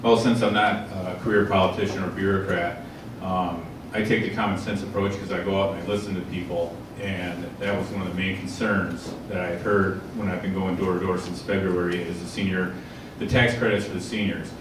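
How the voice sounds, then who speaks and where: A man's voice: sits low, flat delivery, brisk, noisy background. A man in his forties, a candidate answering questions at a public forum in a plain-spoken, earnest way, heard from far off in a large echoey hall. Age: 40s. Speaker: political candidate.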